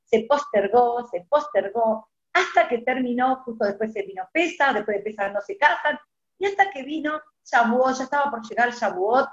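An older woman, telling a personal story to a women's group and acting out the dialogue in a lively way. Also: moderate pace, roomy sound, dull audio. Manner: animated, acts out quoted dialogue with rising pitch. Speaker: community speaker.

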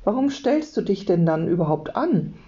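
A woman's voice: medium pitch, very animated, moderate pace, mellow, highs cut off, lightly acted. A woman reading aloud as a friendly woman selling milk at a school break. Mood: amused. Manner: amused and kindly.

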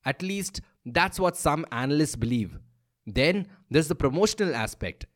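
Brisk man hosting a news podcast. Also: on the high side, animated. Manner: brisk, conversational, lightly playful. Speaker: podcast host. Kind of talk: scripted news explainer.

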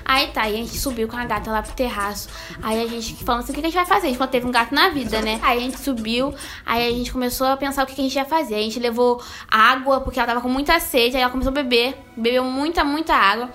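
A woman with a Brazilian Portuguese accent casually telling a story to her viewers, animated and jokey, acting out the voices of the people she quotes. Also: a little high, fast talker, faint music behind. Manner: animated, acts out quoted voices, jokes through sad moments.

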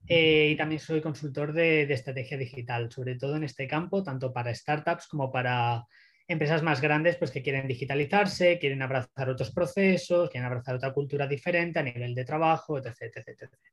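A man from Barcelona, a guest consultant, chatting in a lively, rambling way in an interview. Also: fairly high pitch, a little fast. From Barcelona, Spain. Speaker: guest, digital strategy consultant. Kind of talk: casual interview chat.

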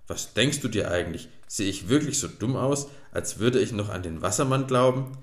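A man's voice: sits low, animated, normal speed. Man doing a grumpy scornful tall man. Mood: angry. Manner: gruff and scolding. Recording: echoey room.

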